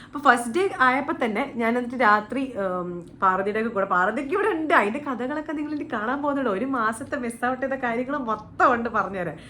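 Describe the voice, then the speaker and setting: Young woman, YouTuber, casual storytime, quick and a touch high-pitched. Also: slight background noise. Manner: animated, chatty storytelling, mixing in English words.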